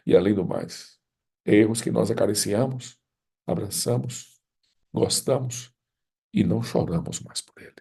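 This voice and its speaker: A man's voice: fairly low pitch, a little slow, vocal fry, long pauses, mellow, husky. A man preaching a sermon, telling a story and driving points home with repeated rhetorical questions. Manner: emphatic, repetitive rhetorical questions. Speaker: pastor.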